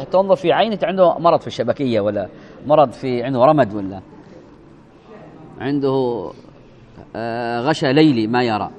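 A man giving a religious lesson, speaking deliberately, repeating words, spelling out pronunciations and asking the listeners rhetorical questions. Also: on the high side, slight background noise. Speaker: religious teacher. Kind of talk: religious lesson explaining a hadith.

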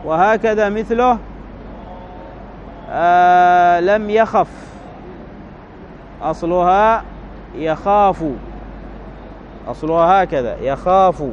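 A man whose voice sits high teaches Arabic grammar at a slow, deliberate pace, explaining each step and often pausing to ask the listener "right?" The recording is dull and lo-fi with slight background noise.

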